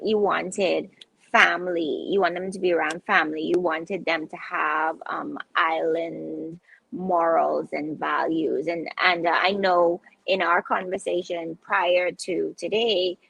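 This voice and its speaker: A woman's voice: on the low side, creaky, a bit bright, slightly rough, no room sound. A woman hosting a casual interview, encouraging her guest with frequent affirmations. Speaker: host.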